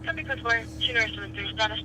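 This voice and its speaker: A man's voice: very high voice, fast talker. A man working as a police dispatcher, heard over police radio, giving clipped radio codes. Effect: police radio transmission. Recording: noisy scanner radio audio.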